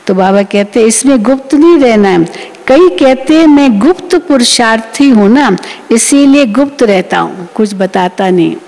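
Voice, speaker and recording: A woman preaches with a fairly high voice that carries a long hall reverb. She tells her points as stories and slips into the voices of the people she quotes. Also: normal speed. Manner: animated storytelling, acts out quoted people. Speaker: spiritual teacher. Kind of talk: sermon explaining a spiritual discourse.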